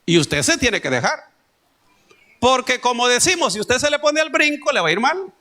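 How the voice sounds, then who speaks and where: A man's voice: very high voice, sing-song, moderate pace, sharp tone. A male pastor with a Salvadoran Spanish accent, preaching a sermon in a conversational way with homely stories and asides. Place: church.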